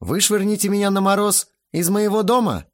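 A man's voice: high-pitched, fairly quick, voice pushed up, close to an everyday voice. A man voicing an insolent teenage boy who talks with sugary sarcasm, in an audiobook. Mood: mocking. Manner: sarcastic, mockingly sweet.

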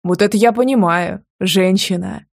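A woman voicing a fussy, bossy old grandmother who is hard of hearing and talks loudly in exclamations. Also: medium pitch, normal speed, creaky, close to an everyday voice. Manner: loud, shouting, exclamatory.

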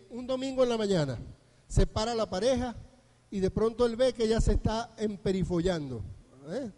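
High-voiced therapist in a reverberant hall. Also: male voice, mellow. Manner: humorous, anecdotal, acts out dialogues. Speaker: couples therapist. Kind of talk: live conference talk. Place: conference hall.

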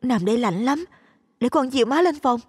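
An actress playing a calm, caring young daughter-in-law. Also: female voice, fairly high pitch, a little fast, breathy edge, in a large hall. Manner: soothing, patient.

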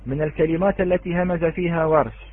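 A man's voice: on the high side, steady tone, quick pace, husky. A man teaching an online Quran recitation lesson, patiently quizzing students and chanting the example words. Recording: tinny phone-like online audio.

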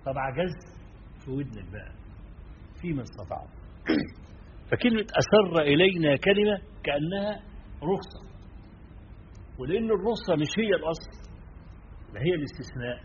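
Egyptian male preacher, higher-pitched, shifts between forceful stresses and hushed asides; muffled lo-fi tape with light hiss. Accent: Egyptian Arabic. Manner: swings between loud emphasis and quiet asides. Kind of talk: colloquial religious lesson. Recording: dull lo-fi lecture recording with faint hiss.

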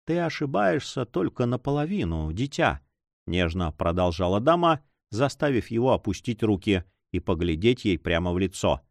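A man voicing a tender, soft-spoken lady. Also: sits low, lively intonation, moderate pace, no room sound, pitched below the performer's own voice. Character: gentle woman, the hero's aunt.

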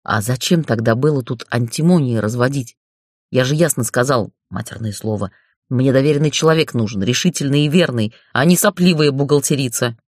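Speaking briskly at a medium pitch that stays close to an everyday voice, a narrator portrays a vulgar middle-aged boss in an audiobook. The character angrily bullies, curses and ridicules, and the clean studio recording has no echo.

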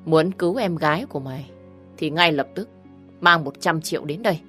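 A woman's voice: low voice, fairly quick, sharp tone, husky, soft background music, exaggerated voice. A woman doing a curt, menacing male kidnapper. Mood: threatening. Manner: blunt, threatening.

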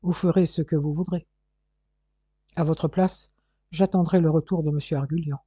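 A reader voicing a defensive young man, sharp and protective, a little nervous. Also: medium pitch, fairly even intonation, moderate pace, slightly rough, no room sound, lightly acted. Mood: advising.

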